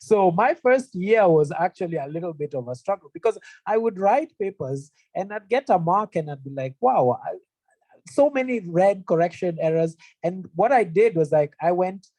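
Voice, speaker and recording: Here a young man from Kenya, slightly high-voiced and warm, represents his university before prospective students in a room presentation that's streamed online too. His delivery is earnest and chatty, full of fillers, with no room sound.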